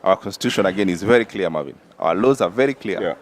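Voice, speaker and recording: Insistent man, low voice. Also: lively intonation, quick pace, a little hiss or hum. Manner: emphatic, insistent, repeats "all right?". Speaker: podcast co-host. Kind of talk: political debate.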